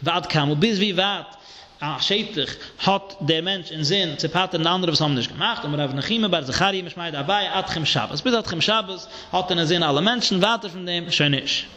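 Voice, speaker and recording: Bright-voiced rabbi in an echoing hall. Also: male voice, high-pitched, a little fast. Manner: singsong study chant, mixing Hebrew and Aramaic terms. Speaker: rabbi teaching a Talmud class. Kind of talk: Yiddish Talmud lecture. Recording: echoey dull lo-fi hall recording.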